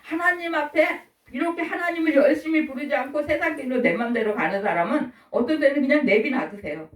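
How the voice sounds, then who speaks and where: A woman's voice: high-pitched, brisk. A middle-aged woman preaching a sermon, asking the listeners questions and acting out the voices she quotes. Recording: echoey room from far off.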